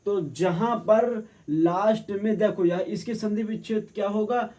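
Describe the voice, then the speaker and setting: A man teaching correct spelling for exam preparation, slowly spelling each word out. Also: sits high, a little mellow. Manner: slow, drawn-out word by word correction. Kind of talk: spelling lesson for exam prep.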